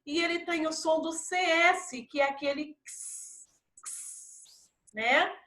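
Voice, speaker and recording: Woman, Brazilian accent, primary school teacher, patient and encouraging, slow, echoey room. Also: high-pitched, bright, forceful tone. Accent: Brazilian Portuguese. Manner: slow, drawn-out pronunciation of example words. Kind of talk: recorded classroom lesson.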